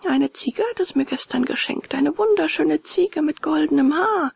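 A woman's voice: high-pitched, normal speed, vocal fry, no echo, pitched above the performer's own voice. A woman voicing a small, wise cricket in a storybook, stern but kind and lecturing.

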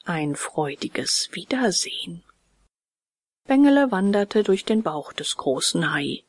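A woman narrating a children's storybook in a hushed, often whispery voice. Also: on the low side, very animated, slow pace, husky, no echo, clean studio sound. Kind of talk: storybook reading.

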